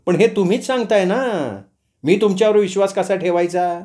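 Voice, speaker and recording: A teasing young woman with a quick, cutting tongue, as a male storyteller puts her on. She fires back raised, pointed questions and never gives an inch. She sounds like a storybook character, pitched higher than the teller's own voice. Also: fairly even intonation, darkish tone, natural voice. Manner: mocking, quick-witted retorts. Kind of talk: storytelling with acted dialogue.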